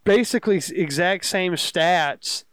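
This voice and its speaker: Laid-back young man, smooth dry voice. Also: high-pitched, unhurried, a bit bright, no echo. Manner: laid-back, jokey, rambling storyteller. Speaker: podcast co-host. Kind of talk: casual sports chat.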